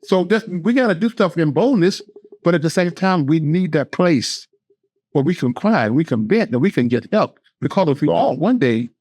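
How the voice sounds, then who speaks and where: A man's voice: on the high side, animated, normal speed, darkish tone, dry recording. Earnest male talk-show host. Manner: earnest storytelling, restarts and repetitions. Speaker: host, therapist. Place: podcast studio.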